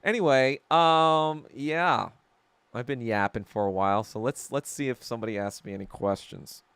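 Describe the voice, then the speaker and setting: A man's voice: medium pitch, moderate pace, a bit bright, smooth, no room sound. A man hosting a casual livestream podcast, rambling and opinionated with plenty of swearing and fillers. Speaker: podcast host.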